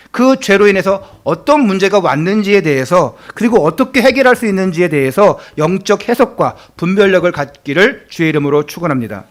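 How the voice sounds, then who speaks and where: Animated high-voiced male preacher. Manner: earnest preaching with rhetorical questions. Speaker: pastor. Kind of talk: sermon.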